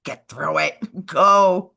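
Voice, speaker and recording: A woman co-hosting a casual political livestream stretches out her words in a fairly low, creaky voice that sounds pushed and bright. A cold has her stuffed up, and she rambles, breaks off partway through sentences, and keeps laughing.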